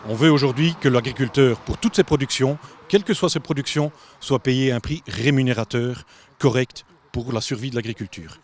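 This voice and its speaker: A man, a farm spokesman delivering a firm, measured statement. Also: mid-range voice, slight background noise. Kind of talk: statement to camera.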